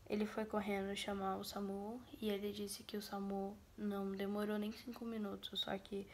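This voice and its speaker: A Brazilian woman speaks to her camera in a soft, breathy half-whisper as she recounts a loss. Her voice is flat and somber, with a gravelly edge of vocal fry. A faint hiss sits under the recording. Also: medium pitch. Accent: Brazilian Portuguese. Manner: grieving, sombre recounting. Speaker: vlogger. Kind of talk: personal storytelling to camera.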